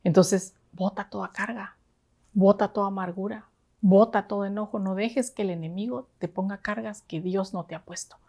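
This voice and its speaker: A woman's voice: mid-range voice, steady tone, normal speed, gravelly, warm tone. A woman deaconess preaching a sermon to a women's service in an earnest, conversational way.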